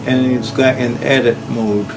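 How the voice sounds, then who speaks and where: An older man, a collector, slowly shows off his tape machines in an indoor room packed with audio gear, giving an unscripted, casual tour. His medium-pitched voice is plain and halting, with fairly even intonation and trailing phrases. Music plays clearly in the background, and the audio quality is poor.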